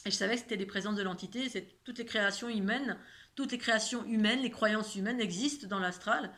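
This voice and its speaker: A woman with a mid-range voice and a slight lisp that softens her s sounds. She talks casually and at length like a spiritual teacher, rambling from one thought to the next. She often repeats a word or phrase to stress it. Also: medium pitch, fairly quick. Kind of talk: casual spoken monologue about spirituality.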